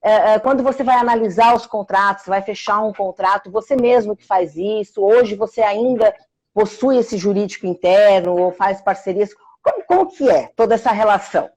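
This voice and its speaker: A woman's voice: mid-range voice, normal speed, darkish tone. A woman co-hosting a casual interview, asking long questions padded with fillers. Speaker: co-host. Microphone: video call.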